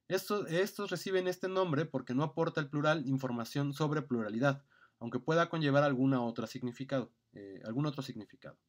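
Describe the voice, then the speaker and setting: A middle-aged man giving a recorded grammar lecture, methodically listing examples with fillers and self-corrections. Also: medium pitch.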